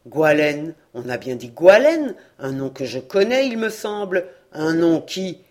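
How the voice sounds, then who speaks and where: A woman's voice: fairly low pitch, huge pitch swings, very slow, husky, full character voice. A woman voicing an anxious, brooding village priest. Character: anxious stern middle-aged male village priest.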